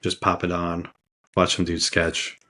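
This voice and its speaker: A man's voice: low voice, monotone, measured pace, pushed and bright. A man co-hosting a casual podcast with a slight cold, talking in a laid-back way with lots of fillers and easy laughs. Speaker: podcast co-host.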